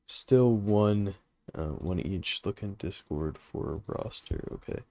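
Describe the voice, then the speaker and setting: A sleepy young man streams a game from home, thinking aloud in a slow, unhurried drawl full of ums and uhs. His voice sits fairly low and comes across dry and close, with no room sound around it. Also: lively intonation, creaky, mellow, dry recording. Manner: hesitant, thinking aloud with many fillers, reads chat questions. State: sleepy, yawning. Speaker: gaming livestream host. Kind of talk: casual live commentary while playing.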